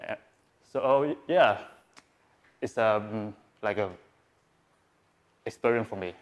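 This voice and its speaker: A man's voice: lowish voice, slow pace. A young man, giving a live stage talk in English, hesitant with many fillers and restarts. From Vietnam. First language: Vietnamese. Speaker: presenter. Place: event hall with audience.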